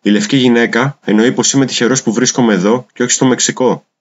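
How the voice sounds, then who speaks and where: A man reading translated poems aloud in a measured, deliberate recitation. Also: mid-range voice, fairly even intonation. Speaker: poetry reader. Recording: dull lo-fi recording.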